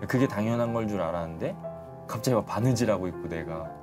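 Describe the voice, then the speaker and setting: A man with a low, quick voice that rises and falls a lot as he earnestly recounts his path to his guest spot on a talk show. Music plays softly behind him. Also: expressive. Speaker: guest, tailor and shop owner. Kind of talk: casual interview.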